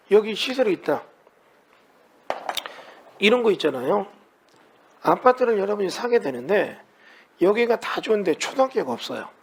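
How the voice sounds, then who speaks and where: A man's voice: sits high, breathy edge. A man teaching a real estate class in a conversational way, often putting rhetorical questions to his students. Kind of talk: classroom lecture.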